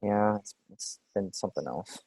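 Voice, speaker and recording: A man in his forties from Texas, answering questions in a clinical interview in a relaxed, hesitant way with many fillers. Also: on the low side, moderate pace, gravelly, husky, no room sound. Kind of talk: role-play clinical interview.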